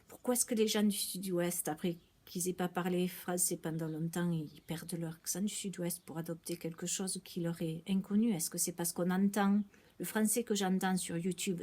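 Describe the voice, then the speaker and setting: A woman from South-West France talks to camera in a relaxed vlog. Her voice sits fairly low and has a husky, breathy edge, and she works her thoughts out aloud with hesitant pauses and restarts. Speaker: vlogger. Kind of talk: casual vlog monologue.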